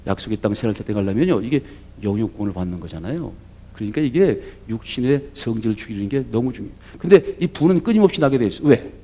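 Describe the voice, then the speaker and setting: Animated, chatty male pastor preaching. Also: medium pitch, quick pace. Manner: animated conversational storytelling, tag questions. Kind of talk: sermon.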